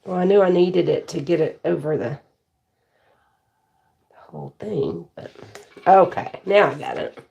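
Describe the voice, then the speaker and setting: A woman's voice: lowish voice, unhurried, creaky, pauses often, mellow, muffled recording. A woman from Texas with a Texan accent, chatting informally in brief, folksy remarks while she demonstrates a craft on a live stream. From Texas, United States. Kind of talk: casual chat while working.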